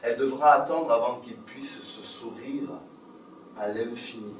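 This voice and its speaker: A man telling stories on stage, playful and lively, moving between loud and hushed. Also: medium pitch, a little slow, a little hiss or hum. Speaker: storyteller. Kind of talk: theatrical storytelling for adults. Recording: roomy live recording from a distance.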